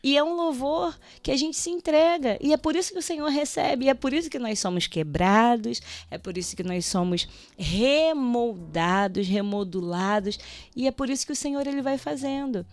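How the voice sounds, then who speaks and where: Higher-voiced woman giving a lively testimony. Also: normal speed. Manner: animated storytelling, acts out prayers and dialogue, laughs often. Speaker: radio show guest, teacher. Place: radio studio.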